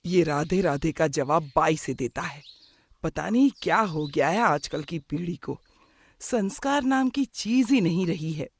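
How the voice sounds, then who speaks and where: A man's voice: fairly high pitch, animated, unhurried, vocal fry, exaggerated voice. A man voicing a stern, disapproving middle-aged father in a cartoon story.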